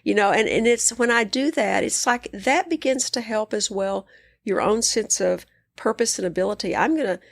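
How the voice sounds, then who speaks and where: A middle-aged woman with a West Texas accent, a psychiatrist and coach, talks conversationally as an interview guest. Her medium-pitched, gravelly voice moves at a moderate pace, earnest, encouraging and emphatic, in a dry recording.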